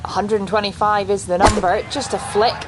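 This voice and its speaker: A woman's voice: medium pitch, little pitch movement, a little fast, heavy background noise, lightly acted. A woman doing golf commentary as an on-course reporter, concise and descriptive.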